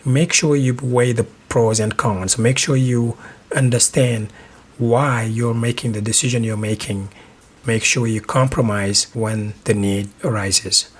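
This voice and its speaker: A man from Senegal hosting a solo advice podcast, speaking in a calm, measured, reflective way. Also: mid-range voice, slight background noise. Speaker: podcast host.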